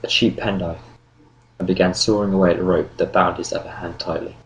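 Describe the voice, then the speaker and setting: A man reading an audiobook novel in steady, measured narration. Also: low-pitched, gravelly, poor audio. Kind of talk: scripted narration.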